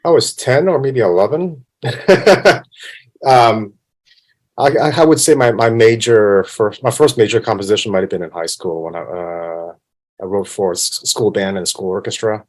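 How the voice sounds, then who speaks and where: A Canadian man, a film composer appearing as a guest on a podcast, speaks in a lowish voice at a moderate pace. It's a casual interview, and he answers in a relaxed way, laughing often and restarting his sentences frequently.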